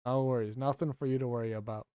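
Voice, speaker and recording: A man's voice: medium pitch, steady tone, fast talker, mellow, clear, resonant tone, no echo, studio quality. A man talking casually to his livestream chat, rambling and correcting himself, laughing now and then.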